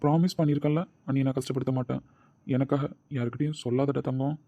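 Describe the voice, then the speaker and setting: Man playing a protective older brother, mellow. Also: mid-range voice, flat delivery, fast, no echo, close to an everyday voice. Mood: coaxing. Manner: coaxing, reassuring, brooding when alone. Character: caring older brother and husband, troubled and protective.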